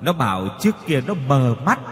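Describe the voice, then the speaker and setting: Male reader doing a wronged young man's ghost, bitter and grieving, lively pitch, long reverb, faint music underneath. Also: brisk. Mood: furious. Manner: bitter, grieving, teeth-gritting.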